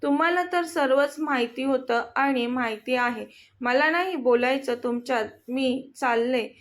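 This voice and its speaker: A woman voicing a shy young woman in love, speaking softly with mock annoyance. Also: sits high, measured pace.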